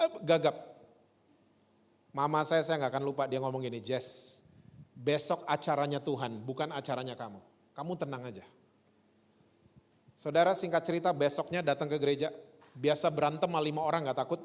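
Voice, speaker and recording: A man preaching a sermon in a church, telling a lively story and acting out voices in his quotes. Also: on the high side. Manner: animated storytelling with voiced quotes, speaks of his former stutter. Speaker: pastor. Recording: long church hall reverb.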